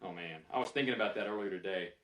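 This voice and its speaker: A man with a low-pitched, fairly bright voice takes audience questions following a lecture, talking rapid-fire. He's candid and conversational, working things out aloud with fillers. The mic sits some way off in a roomy space.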